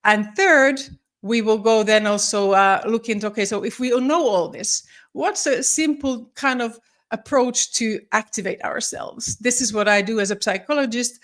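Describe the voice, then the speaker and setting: During a live-streamed talk, a Finnish psychologist and leadership coach in her forties speaks at a moderate pace in a slightly high, fairly bright voice. She sounds friendly, phrases things a bit formally, and repeatedly says um or begins sentences again.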